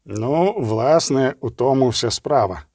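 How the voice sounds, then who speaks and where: A man voicing an old, gentle mentor in an audiobook, speaking slowly and in a fatherly way. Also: mid-range voice, expressive, no echo, studio quality. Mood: kindly.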